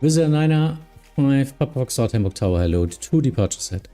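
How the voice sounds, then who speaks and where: Mellow male streamer working as tower controller. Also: mid-range voice, lively intonation, brisk, faint music behind. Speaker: live streamer playing tower air traffic controller. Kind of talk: procedural clearances mixed with casual stream chat.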